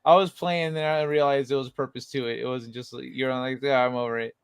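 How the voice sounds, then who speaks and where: A man's voice: mid-range voice, brisk, clear, resonant tone, no echo, clean studio sound. A young man hosting a late-night livestream, chatting in a laid-back, rambling way and laughing often. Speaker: livestream host. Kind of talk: casual late-night chat.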